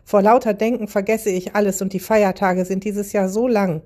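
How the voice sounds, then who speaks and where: A woman's voice: medium pitch, steady tone, normal speed, warm tone, natural voice. A woman voicing an overwhelmed wild boar in a storybook, speaking in a weary, sighing way.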